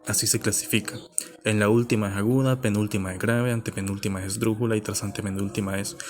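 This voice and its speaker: A man explains a lesson in a low, steady voice. He goes step by step and often stops to ask if his listeners are following. Birds and a rooster are clearly heard in the background. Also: slight background noise. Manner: patient, checks in with "¿ok?" and "¿ya?". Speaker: teacher.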